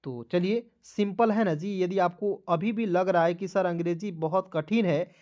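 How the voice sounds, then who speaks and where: A man's voice: sits high, moderate pace, darkish tone. A man teaching English spelling and pronunciation, drilling each word and asking the viewers questions back. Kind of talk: spoken spelling lesson.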